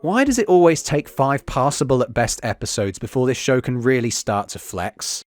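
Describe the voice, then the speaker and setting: A man's voice: medium pitch, big pitch swings, moderate pace, a little hiss or hum. A man giving an enthusiastic, opinionated, scripted review of a TV series, swearing casually.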